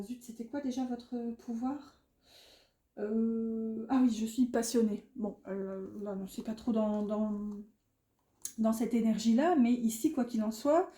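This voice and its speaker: A woman with a northern French accent talks her way through a card reading, hesitant and rambling, full of fillers. Her voice sits a touch high yet sounds very dark and mellow. The room around her gives a clear echo. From northern France. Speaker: tarot card reader. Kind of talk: casual spoken card reading.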